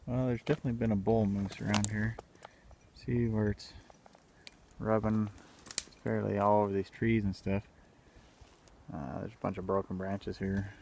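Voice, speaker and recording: A man vlogging while hiking outdoors, talking in a halting way with many pauses into a handheld camera microphone. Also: fairly low pitch, flat delivery, vocal fry. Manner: halting, many uhs, soft-spoken. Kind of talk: casual hiking narration. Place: outdoors on a windy mountain ridge. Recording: loud wind noise on camera mic.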